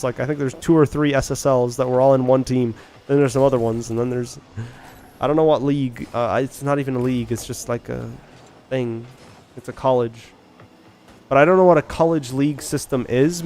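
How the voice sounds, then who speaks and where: Medium in pitch and a little mellow, the voice belongs to a young adult man from Ireland chatting loosely with stream viewers while gaming. He rambles, restarts and asks questions as he thinks, and faint beats play underneath.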